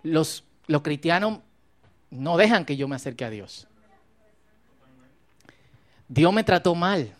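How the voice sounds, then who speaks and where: Animated preacher. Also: slow pace, long pauses. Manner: animated, acts out the Bible scenes with playful humor; moves between loud exclaiming and low, quiet reflection. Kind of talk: sermon.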